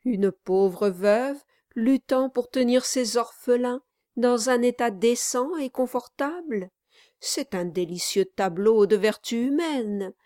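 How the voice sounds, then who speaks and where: A woman's voice: a little high, slow, warm tone, dry recording, clean studio sound. Sampson Brass, a woman voicing a fawning lawyer. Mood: wheedling. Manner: honeyed, scheming, overly cheerful. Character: oily, fawning middle-aged male lawyer.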